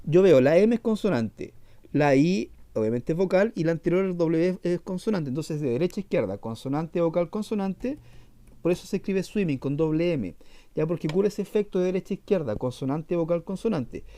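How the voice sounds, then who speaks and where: A man's voice: on the high side, animated, brisk, warm tone. A man teaching an English class, explaining patiently and repeating himself with fillers. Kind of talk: online class lesson.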